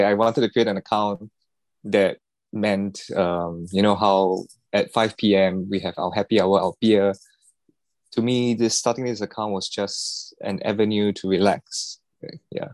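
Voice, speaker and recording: A man answering podcast questions in a relaxed, halting way. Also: on the low side, no room sound. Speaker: podcast guest, watch collector. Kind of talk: casual interview answers.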